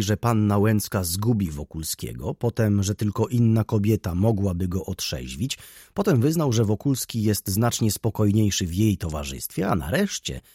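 A man reads a literary novel aloud with expressive storytelling. His low, slightly husky voice rises and falls widely, and the recording is dry and close. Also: no echo. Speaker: audiobook narrator. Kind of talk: scripted literary narration.

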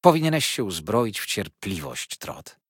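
A man voicing an eccentric older aunt who is stern yet kind, speaking in a measured, admonishing way. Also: on the low side, very animated, husky, heavily acted. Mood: firm, kindly. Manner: measured, admonishing, gently firm. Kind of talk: audiobook character voice.

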